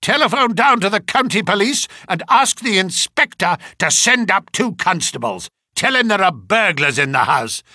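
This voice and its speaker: A man reading aloud, voicing a furious, bristling old army colonel who blusters and shouts threats. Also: high-pitched, very animated, moderate pace, hardly any pauses, dry recording, studio quality, pitched above the performer's own voice, heavily acted. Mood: commanding.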